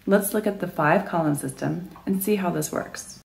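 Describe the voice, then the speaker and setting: A woman narrating a scripted English grammar lesson in a clear, even explanatory way. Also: lowish voice, normal speed. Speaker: English teacher.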